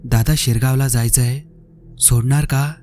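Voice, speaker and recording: A man's voice: mid-range voice, steady tone, a little slow, dark tone, soft background music, lightly acted. A man voicing a curious young male traveler who keeps asking questions. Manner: asks questions.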